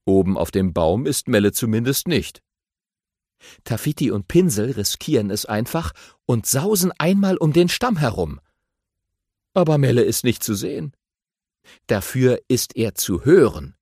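A man narrating a children's audiobook in an animated storytelling way. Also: medium pitch, a little slow, breathy edge, no echo, clean studio sound.

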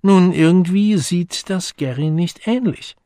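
A man voicing a cautious, thoughtful young man who speaks slowly, in a story. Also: sits high, dark tone, no room sound, clean studio sound, voice pushed up. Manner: slow, cautious.

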